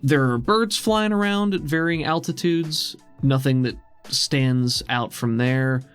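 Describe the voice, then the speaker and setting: A man with a smooth, medium-pitched voice narrates a tabletop role-playing game slowly as the game master. His descriptions are improvised and conversational, with music playing beneath.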